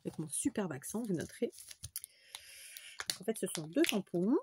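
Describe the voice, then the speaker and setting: A woman's voice: medium pitch, very animated, moderate pace, a little hiss or hum. A woman hosting a casual crafting tutorial, chatty and thinking aloud as she works, sometimes talking to herself.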